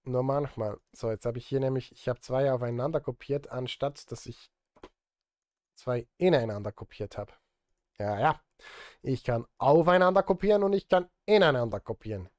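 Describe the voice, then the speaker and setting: A film composer and streamer from Switzerland composes while chatting casually on a live stream, joking self-deprecatingly from his indoor setup. He has a mid-range, darkish voice at normal speed. The sound is studio quality with no room sound.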